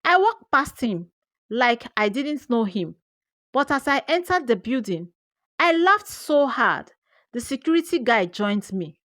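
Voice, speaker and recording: This is a Nigerian woman acting as storyteller, voicing a folktale from a first-person view in a theatrical style. She speaks without hurry, her intonation very animated. The close, dry recording has no room sound.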